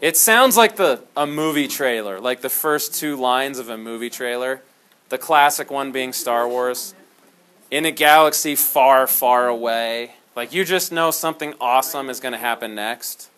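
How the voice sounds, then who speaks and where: A man teaching a history class in a classroom, talking in an animated, jokey way and slipping into dramatic storytelling. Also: mid-range voice, moderate pace. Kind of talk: classroom lecture.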